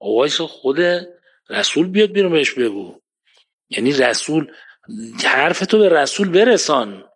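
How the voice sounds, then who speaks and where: A man giving a religious lecture, quoting Arabic verses, who rises to emphatic points and then drops his voice low. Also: big pitch swings, long pauses, slightly rough. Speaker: preacher.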